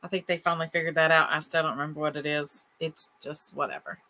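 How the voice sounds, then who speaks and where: A woman's voice: deep voice, flat delivery, quick pace, pushed and bright. A woman with a West Virginia Appalachian accent, chatting casually and folksily as she co-hosts a livestream and reads out comments. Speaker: crochet livestream co-host. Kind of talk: casual chat, reading viewer comments. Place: room at home, on a video call. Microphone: webcam or computer mic on a video call.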